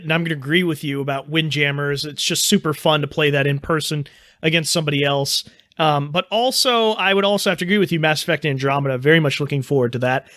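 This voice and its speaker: Male podcast host, upbeat lead, slightly high voice, dry close-miked sound. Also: a bit bright, no echo. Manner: upbeat, leads the segments. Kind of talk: casual podcast chat.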